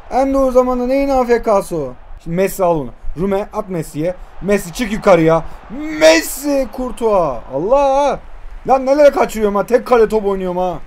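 A man in his twenties giving excitable live commentary over a football video game, cursing and shouting at the players. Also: sits high. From Turkey. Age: 20s. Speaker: gaming YouTuber.

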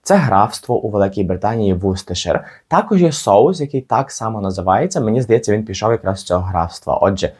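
A young man teaching English pronunciation, patiently repeating each word slowly for learners. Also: lowish voice, lively intonation, darkish tone, breathy edge. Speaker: English teacher on his channel.

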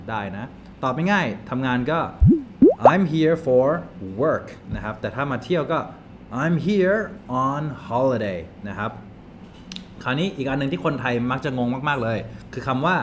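A man teaching a language lesson, explaining in an upbeat, chatty way with many polite particles. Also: mid-range voice. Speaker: English teacher. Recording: clear background noise.

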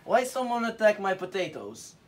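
A man's voice: high voice, very animated, normal speed, roomy sound, recorded from a distance, background noise, voice pushed up. A man doing a haughty young tsar. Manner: haughty, broken English. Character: young Russian tsar, pampered and fussy.

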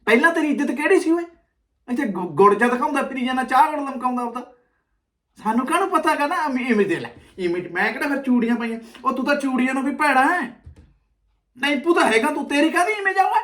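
A man's voice: very high voice, expressive, quick pace, pushed and bright. A man with a Punjabi accent giving mocking, abusive reaction commentary on video clips, often laughing. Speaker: comedy reaction creator.

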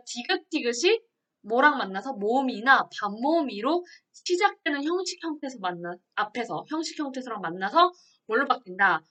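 Her voice is bright, clear and slightly high as this woman leads an online grammar lesson. She patiently works through things step by step, raising questions and supplying the answers herself.

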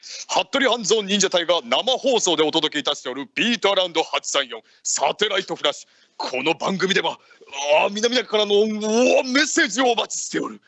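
A man's voice: high voice, lively intonation, fairly quick, pushed and bright, no room sound, heavily acted. Man playing a hearty, lordly ninja chief. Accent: Aichi dialect. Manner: lordly, old-fashioned speech. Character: older male ninja leader, hearty and commanding. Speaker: radio host. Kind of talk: in-character radio talk in archaic samurai speech.

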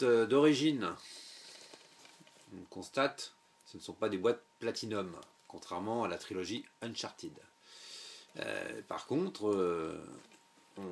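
Low gravelly-voiced man, hesitant and unimpressed. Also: a little hiss or hum. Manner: hesitant, many fillers, offhand and unimpressed. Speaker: video game unboxing vlogger. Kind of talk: casual unboxing commentary.

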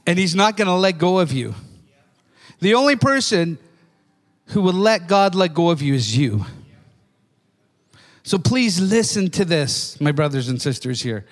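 A man's voice: high-pitched, very animated, measured pace, long pauses. An older man preaching a sermon in a church, fervent and calling out "amen?" to his listeners. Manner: fervent, repeats "amen?" to the congregation. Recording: long reverb of a church hall.

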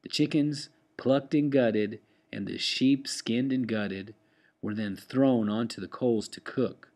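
A male teacher reading a story aloud to students, steady and expressive, with pauses between phrases. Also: mid-range voice.

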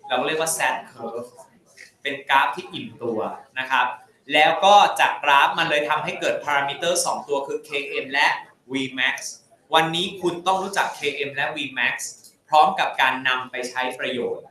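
A man's voice: medium pitch, normal speed, sharp tone, recorded from a distance. Playful man lecturing in an echoey room. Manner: playful, drills pronunciation by repeating words. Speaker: university biochemistry lecturer. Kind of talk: classroom lecture. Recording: echoey room, voice from away from the mic.

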